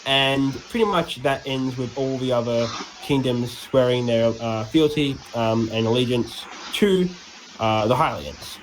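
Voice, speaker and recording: A man's voice: medium pitch, a little slow, rough recording. Australian man, podcast co-host, rambling, joking, lots of ums, faint background hiss. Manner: rambling, joking, full of fillers and restarts. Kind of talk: casual chat recapping game lore.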